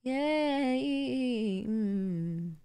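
A young adult streamer speaks very slowly in a slightly high, expressive, warm voice, chatting and thanking viewers from her room late at night. Tired and a little raspy today, she's still bubbly and laughs easily. She uses a boom studio mic close to her mouth indoors.

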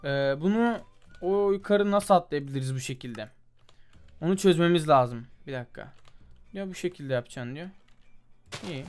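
Young guy gaming youtuber, kinda high voice, mutters and chats thru his gameplay, faint music behind. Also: normal speed, pauses often, clear, resonant tone. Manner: chatty, mutters while trying, calls viewers "abi" and "gençler". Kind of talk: casual gameplay commentary.

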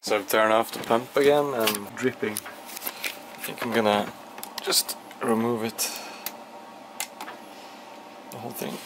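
Speaking slowly with frequent pauses, a young man with a lowish voice records a casual sailing vlog on a small boat's cockpit and cabin. He holds the camera at arm's length and muses informally. A steady hum runs under the noisy camera audio.

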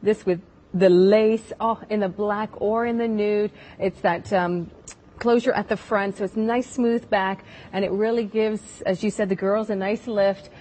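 A woman hosting a live home shopping show, giving a conversational sales pitch in a TV studio. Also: fairly even intonation, normal speed, darkish tone.

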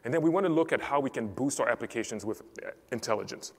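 A man from Cameroon presents a technical session on a large conference stage, speaking in a clear, orderly way through a headset mic. His medium-pitched voice carries a long reverb from the hall around him. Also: expressive, fast.

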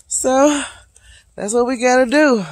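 A woman's voice: sits high, no room sound. A woman in her late thirties from Charlotte, talking to viewers in a reflective, motivational way while hiking, filmed on a phone held at arm's length outdoors. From Charlotte, North Carolina. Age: 30s. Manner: chatty, reflective, motivational, talks to viewers as "y'all". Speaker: vlogger. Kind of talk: casual vlog monologue. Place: wooded hiking trail outdoors. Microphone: phone held at arm's length while walking.

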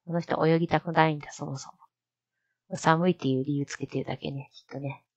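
A woman streamer chatting casually to herself, slowly repeating practice sentences and musing aloud. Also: low-pitched, fairly even intonation, a little mellow, dry recording, highs cut off. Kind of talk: casual live-stream commentary.

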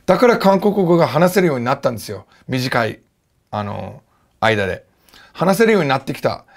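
An English speaker from the United States teaches a relaxed video lesson in Japanese, his clear throughout. His voice sits a bit high for a man and swings widely in pitch, with a gravelly edge, and he explains things in an animated, lively way.

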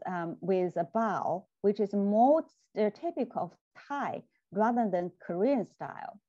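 A woman gives an academic talk over a video call. She explains points in a measured, deliberate way. Her voice is warm and mellow, and the audio sounds dull and dry. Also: mid-range voice, no echo. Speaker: guest lecturer.

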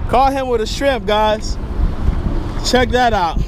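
Excitable young man fishing off a bridge. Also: very high voice, slow, background noise. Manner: excitable, hollers and laughs, repeats himself. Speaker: fishing vlogger. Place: outdoors on a bridge over the sea. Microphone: action camera.

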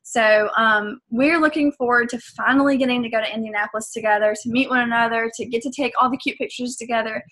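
Speaking quickly with few pauses, a young woman with a Southern US accent has a fairly bright, high-leaning voice and fairly even intonation. She earnestly describes her coaching business in a chatty, filler-heavy vlog addressed to the camera.

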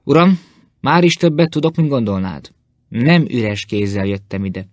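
A man's voice: mid-range voice, expressive, darkish tone, no echo, close to an everyday voice. A male audiobook reader voicing a sly, fawning Greek philosopher who peddles secrets, obsequious and boastful.

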